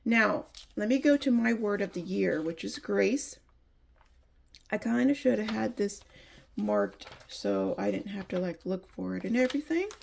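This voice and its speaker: Chatty woman with a gravelly nasal voice. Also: medium pitch, sing-song, a little slow. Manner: chatty, enthusiastic, restarts often. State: nasal from allergies. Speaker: Bible reviewer. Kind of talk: casual product review.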